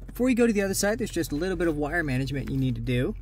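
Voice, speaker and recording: This DIY vehicle host speaks fast, with a fairly high, sing-song voice, as he walks viewers through an installation. The delivery is casual and straightforward, and vehicle sounds fill the noisy recording.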